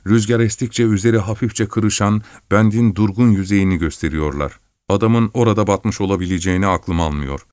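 A man narrating a story in the first person, with a steady, measured reading. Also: deep voice, dry recording, studio quality. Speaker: audiobook narrator.

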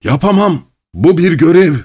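A man's voice: fairly high pitch, moderate pace, mellow, voice pushed up, lightly acted. A man voicing a sly, drunken middle-aged man who teases and giggles in a raised voice. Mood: mocking, giggling.

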